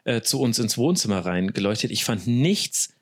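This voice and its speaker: A man's voice: fairly low pitch, very animated, moderate pace. A man in his thirties from Franconia, a sports journalist talking as a guest in a casual podcast interview, enthusiastic and full of restarts and fillers. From Franconia, Germany.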